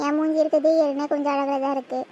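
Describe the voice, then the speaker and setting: A woman voicing a loud, whiny teenage village girl in a cartoon, who shouts and teases. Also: flat delivery, very fast, slight background noise, natural voice. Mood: shrill teasing. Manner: shrill shouting and teasing. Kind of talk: cartoon voice acting.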